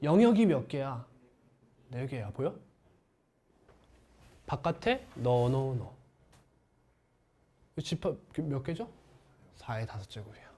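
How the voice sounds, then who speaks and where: A man's voice: medium pitch, expressive, a little slow, long pauses, mellow, slightly rough. A male math teacher giving a classroom lecture, who keeps asking the class questions and then answers them himself.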